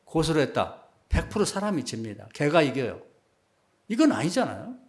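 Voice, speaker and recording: A middle-aged man preaching a sermon as pastor, in a conversational style that rises to loud emphatic peaks and drops to quiet asides. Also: big pitch swings, normal speed. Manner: conversational preaching, acts out quoted remarks in a low hushed voice.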